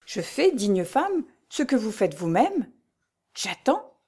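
A woman voicing a calm, commanding man disguised as a monk, who speaks slowly and sternly. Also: fairly high pitch, slightly rough, exaggerated voice.

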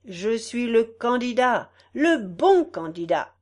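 A woman's voice: fairly high pitch, big pitch swings, slow, pitched above the performer's own voice, full character voice. Woman playing a bombastic, boastful candidate. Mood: grandiose. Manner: bombastic, grandiose promises. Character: boastful male election candidate, smug and greedy.

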